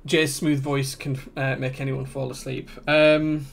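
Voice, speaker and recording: A man with a broad Yorkshire accent chatting casually as he hosts a livestream, relaxed and conversational. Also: mid-range voice, a little slow, vocal fry, a little hiss or hum. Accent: broad Yorkshire English. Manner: relaxed, conversational, reading out chat comments. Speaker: livestream host and keyboard builder.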